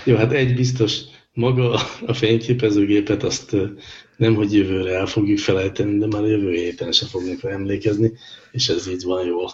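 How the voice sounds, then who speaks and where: A man co-hosting a podcast in casual tech banter, speaking in a measured, deliberate way with hesitant fillers. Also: fairly low pitch, flat delivery, a little mellow. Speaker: podcast co-host. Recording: dull lo-fi recording with faint noise.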